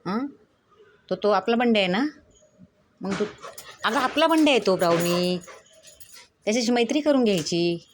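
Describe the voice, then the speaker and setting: A woman's voice: mid-range voice, expressive, normal speed, long pauses. A woman vlogging at home, coaxing her pet dog in baby-talk and turning to chat with her viewers. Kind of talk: casual home vlog. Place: at home, by the doorway. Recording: loud background noise with dog barking. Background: dog barking.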